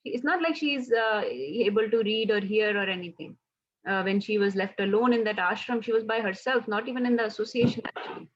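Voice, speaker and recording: A woman's voice: medium pitch, a little fast, highs cut off. A woman leading a casual devotional scripture class, talking conversationally and often checking in with "right?".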